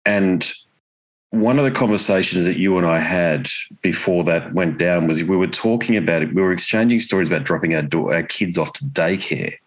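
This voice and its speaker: Aussie guy doing an interview, deep voice, earnest n kinda halting, chatty. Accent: Australian. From Australia. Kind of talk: conversational interview.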